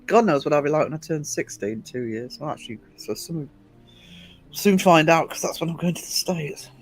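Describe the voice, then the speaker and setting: A woman's voice: sits low, lively intonation, brisk, soft background music. A woman in her fifties chatting casually with viewers on a livestream, rambling and chuckling often. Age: 50s. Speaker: livestream host.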